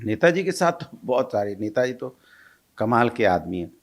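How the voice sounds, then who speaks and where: A man's voice: mid-range voice, moderate pace. A middle-aged man, telling stories as an interview guest, laughing and acting out quoted lines. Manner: animated, laughs while recounting, acts out quoted lines. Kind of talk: casual storytelling.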